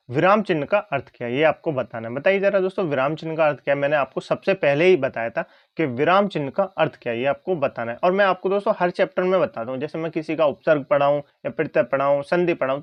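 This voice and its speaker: A male teacher talks fast through an exam-prep lesson, posing his own questions and answering them, his voice rising on each check and dropping low for the answer. The recording is dry and the audio dull.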